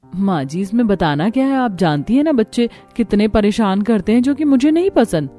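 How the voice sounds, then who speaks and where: A woman's voice: medium pitch, lively intonation, moderate pace, warm tone, soft background music, natural voice. A woman voicing a frazzled young mother and daughter-in-law in a cartoon story. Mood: reluctant. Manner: exasperated.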